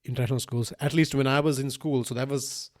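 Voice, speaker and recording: A Sri Lankan man in his thirties, a native Sinhalese speaker, hosts a casual, unscripted solo podcast, rambling, repeating and restarting phrases, and often saying "like" and "right?". His medium-pitched voice is steady, fast and darkish.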